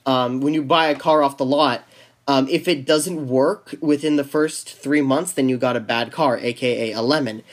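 A man's voice: medium pitch, steady tone, normal speed. Young male co-host, casual podcast chat, rambling delivery with many restarts. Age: young adult.

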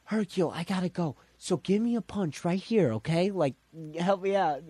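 A man voicing a cheerful, naive male cartoon martial-arts hero in an excited, breathless retelling. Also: high voice, moderate pace, breathy edge, no echo, voice pushed up. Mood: pleading.

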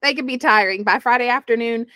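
A woman's voice: on the high side, quick pace, no room sound. Young woman telling her story. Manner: animated, acts out quoted voices. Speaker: guest sharing her story. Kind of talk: casual storytelling interview.

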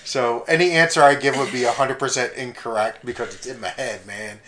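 A man's voice: medium pitch, fairly even intonation, a little fast, sharp tone. Young male co-host, loose and jokey, mid voice, rambling storyteller. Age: young adult. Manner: rambling, jokey, swears, mimics people in quotes. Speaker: podcast co-host. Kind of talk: casual comedic chat.

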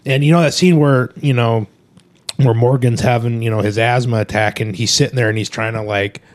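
A man's voice: medium pitch, steady tone, fairly quick. A man in casual conversation, rambling and filling his talk with "you know". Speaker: podcast co-host. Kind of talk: casual movie discussion.

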